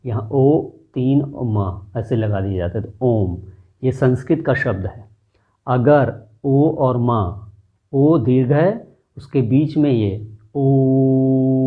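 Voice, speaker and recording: Slow-speaking man teaching, tinny audio. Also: mid-range voice. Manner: slow, drawn-out demonstration of vowel sounds. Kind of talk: classroom lesson.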